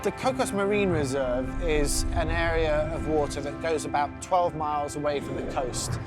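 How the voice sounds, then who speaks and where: A man with a slightly high voice explains things as a scientist in a documentary interview. Music runs clearly underneath his speech. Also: normal speed.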